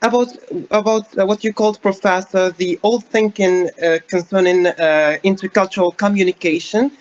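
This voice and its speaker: A young male student asks a question over a video call, pausing often with fillers. His voice is high for a man. The video-call audio sounds dull and lo-fi. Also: steady tone. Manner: hesitant, many fillers. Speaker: master's student asking a question. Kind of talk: asking a question in an online lecture.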